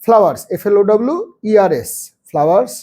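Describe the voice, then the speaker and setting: A man teaching a first-grade English lesson, spelling words out slowly letter by letter. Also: high voice, expressive, mellow.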